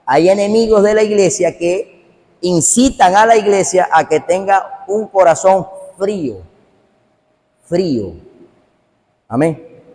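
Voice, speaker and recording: Emphatic preacher in a reverberant hall. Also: male voice, sits high, mellow. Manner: emphatic and repetitive, addressing listeners directly. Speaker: pastor. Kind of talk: preached sermon.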